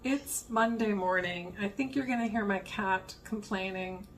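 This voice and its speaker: A woman's voice: medium pitch, a little slow, slight background noise. A woman giving a casual, rambling show-and-tell as an art vlogger, thinking aloud as she goes.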